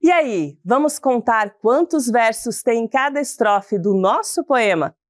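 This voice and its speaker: A woman teacher with a Brazilian Portuguese accent, giving a slow sing-song lesson to schoolchildren. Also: on the high side, lively intonation, no room sound, studio quality. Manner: slow, sing-song, addresses pupils as "bonitos".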